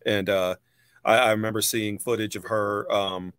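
With a fairly low pitch and flat delivery at a moderate pace, this musician in his fifties hosts a casual interview by video call from a home room. His thoughtful, rambling sentences are long and packed with fillers and restarts. The webcam captures a fairly bright, clean tone.

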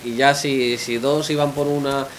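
A man's voice: mid-range voice, little pitch movement, normal speed, a little hiss or hum. A man hosting a casual panel discussion in a restaurant, asking questions with many fillers and tag questions. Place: restaurant dining room, indoors.

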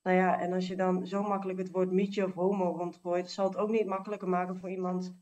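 Woman guest, earnest, kinda halting, very even tone, sounds far off the mic. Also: lowish voice, dull audio. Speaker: guest, technical manager. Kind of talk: interview answers. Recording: voice distant from mic.

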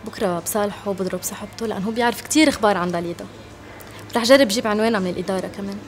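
A woman's voice: medium pitch, rapid-fire, soft background music, close to an everyday voice. An actress playing a scheming student woman with a Lebanese accent in a TV drama. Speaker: university student. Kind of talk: TV drama acting.

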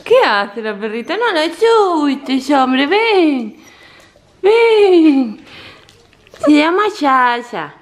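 A woman's voice: high-pitched, very animated, very slow. A woman from filming a casual home vlog, cooing and gushing in baby talk at her pets and child. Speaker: vlogger. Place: home living room.

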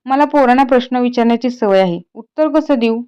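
A woman's voice: a little high, fairly quick, mellow, clear, resonant tone, close to an everyday voice. A woman reading the part of a male schoolteacher who speaks in a dry, matter-of-fact way, on a dull lo-fi recording.

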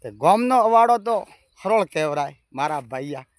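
A man's voice: fairly high pitch, lively intonation, moderate pace, no room sound. A man giving a folk moral sermon. He talks in emphatic, repeated phrases and addresses his listeners as brothers.

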